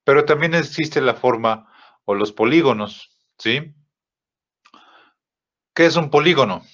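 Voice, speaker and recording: Slow halting male teacher, lo-fi audio. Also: mid-range voice, lively intonation, fairly bright tone. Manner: slow, halting, many fillers and rhetorical checks. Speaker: design teacher. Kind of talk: software tutorial lesson. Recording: dull lo-fi audio.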